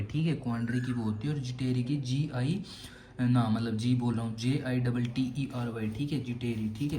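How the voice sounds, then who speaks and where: There's a little hiss or hum as a young man with a medium-pitched, dark voice runs an online exam vocabulary lesson. He explains words through mnemonics, questions himself and supplies the answers, and says "theek hai" after nearly every point.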